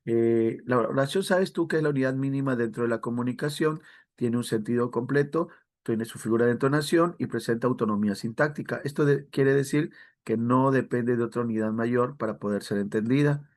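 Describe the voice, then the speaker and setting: A man leads an exam review class at an ordinary middle pitch. He explains step by step, often adds a quick question tag and calls on students by name. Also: darkish tone. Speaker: language teacher.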